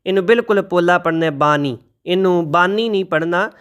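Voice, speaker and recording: A man teaching the correct pronunciation of scripture, reciting verses slowly and deliberately and spelling out letters. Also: high voice, a bit bright, clean tone, muffled recording. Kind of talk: recitation lesson with slow chanted verses.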